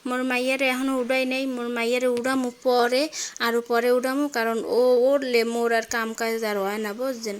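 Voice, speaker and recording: A young mother with a Barishal accent chats through her day in a home vlog, her voice sitting a little high. She talks casually and keeps turning to the viewer to check they are following. The tone is loose and conversational. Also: flat delivery, a little fast, smooth. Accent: Barishal dialect of Bengali. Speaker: vlogger.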